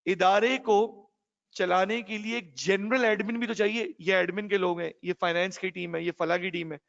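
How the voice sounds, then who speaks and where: High-voiced teacher quizzing his class. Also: steady tone, moderate pace, creaky, a bit bright. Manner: addresses students as "beta", quizzing them. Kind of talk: classroom lecture. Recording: muffled classroom recording with long reverb.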